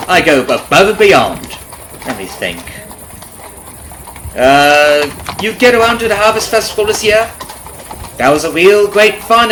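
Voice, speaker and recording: Pitched high, pushed and bright, his delivery is heavily acted as the nosy substitute carriage driver, chatty and teasing. Talking straight to the listener in the ASMR roleplay, he rambles in a folksy, fake-friendly way, with sly undertones, hesitations and mock-innocent remarks. Horse hooves and carriage noise fill the background.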